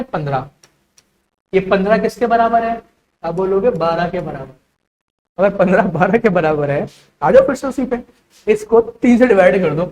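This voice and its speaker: A man's voice: high voice, a little mellow, slight background noise, poor audio. A man teaching an exam-prep maths lesson, patient and step by step, often checking in with the students. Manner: patient, explains step by step with frequent "theek hai".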